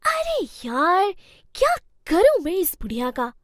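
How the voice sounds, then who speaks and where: A woman's voice: slow pace, no room sound, studio quality, heavily acted. A woman voicing a spoiled, defiant young wife in a cartoon story, whiny and snappish. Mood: complaining. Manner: whiny and snappish, lively pitch.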